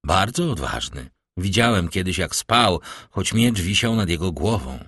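A man reading the part of a calm, worldly nobleman who speaks with smooth, measured courtesy. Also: low-pitched, dry recording, studio quality, full character voice. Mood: courteous. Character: suave worldly nobleman, calm and gently teasing. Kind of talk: audiobook character reading.

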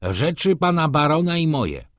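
A man's voice: fairly high pitch, very animated, moderate pace, a bit bright, dry recording, studio quality, pitched above the performer's own voice. A man voicing a smug, self-important valet who gives orders in a condescending tone. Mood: haughty. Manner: commanding, condescending.

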